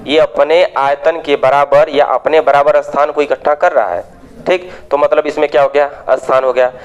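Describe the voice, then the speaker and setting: Call-and-response chemistry teacher. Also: male voice, steady tone, moderate pace, clear, resonant tone. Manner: call-and-response questioning, drops low to answer himself. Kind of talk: classroom lecture.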